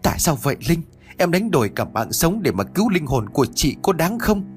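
Guy voicing a sad young girl ghost, crying out, higher pitched. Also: very animated, fairly quick, faint music behind. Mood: anguished. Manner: wailing, begging. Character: ghost of a young woman, sorrowful and devoted.

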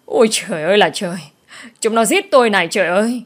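A woman voicing a shrill, scheming middle-aged stepmother who wails loudly. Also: unhurried. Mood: wailing. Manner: shrill, wailing.

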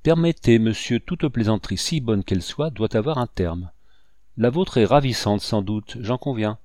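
A man's voice: fairly low pitch, lively intonation, moderate pace, a little mellow, no room sound, clean studio sound, close to an everyday voice. A man voicing a wealthy planter who talks down to his visitor, pompous and patronizing, in an audiobook reading. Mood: brusque. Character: rich planter, condescending then nervous.

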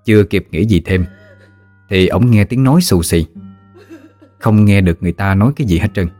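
A man with a Southern Vietnamese accent narrating a ghost story in a lively, folksy storytelling manner. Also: low-pitched, brisk, no echo, soft background music.

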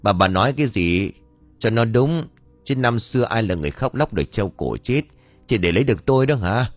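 A man voicing an old male village ritual master, gruff and blustering, afraid of his wife. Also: fairly low pitch, animated, brisk, dry recording, soft background music, lightly acted. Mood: indignant.

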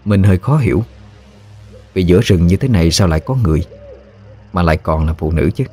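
Deep-voiced man telling a ghost story. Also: expressive, brisk, warm tone, husky, soft background music.

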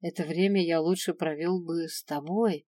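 A woman voicing a self-assured male dragon in an audiobook, calm, dry and commanding. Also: on the low side, normal speed, no echo, far from the mic, natural voice. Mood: calm, wry.

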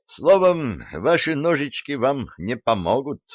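A man playing a brash, fierce swindler who talks gruffly and demandingly. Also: medium pitch, very animated, measured pace, dry recording, pitched above the performer's own voice. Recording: dull, dry audiobook recording.

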